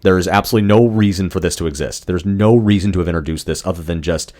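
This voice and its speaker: A man's voice: low voice, fast talker, a little mellow. A young man co-hosting a casual podcast movie review, ranting in exasperation and swearing freely. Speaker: podcast co-host.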